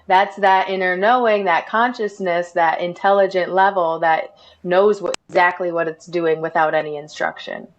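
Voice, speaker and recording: A woman's voice: lowish voice, fairly even intonation, moderate pace, slight background noise. Chatty woman host with muffled audio. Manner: chatty, many fillers like "you know". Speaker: podcast host. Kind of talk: casual interview chat.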